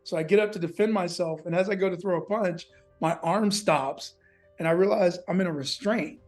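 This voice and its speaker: Animated high-voiced man telling a story. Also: moderate pace, soft background music. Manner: animated, acts out quotes, casual and profane. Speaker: interviewee. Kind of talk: personal storytelling.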